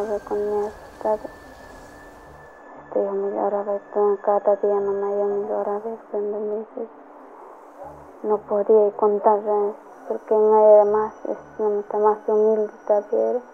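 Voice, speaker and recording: A woman from Peru giving documentary testimony, speaking haltingly with frequent restarts and trailing phrases. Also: medium pitch. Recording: tinny phone-like audio with faint music.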